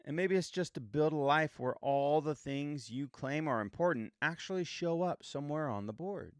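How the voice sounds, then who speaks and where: A man's voice: fairly high pitch, lively intonation, moderate pace, smooth, no room sound, clean studio sound. A man in his fifties hosting a reflective motivational monologue, earnest and emphatic, repeating points and asking rhetorical questions. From United States. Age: 50s. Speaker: podcast host.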